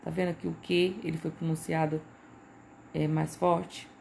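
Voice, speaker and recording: Brazilian woman teacher, low and gravelly, patient, repeats herself, faint hiss behind. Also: level tone, measured pace, a little mellow. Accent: Brazilian Portuguese. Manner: patient, repeats points with frequent "né" and "tá". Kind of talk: recorded online lesson.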